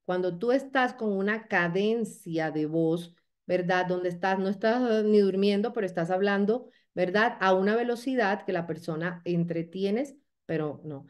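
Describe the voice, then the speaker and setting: A woman's voice: medium pitch, moderate pace. A woman coaching her sales team. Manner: coaching, checks in often with short questions. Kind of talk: motivational training talk.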